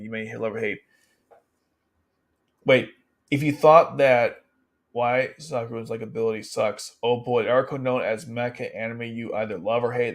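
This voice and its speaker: Reading an article out loud during a livestream, a man gives casual commentary in a mid-range voice. He keeps breaking in with excited, exasperated reactions.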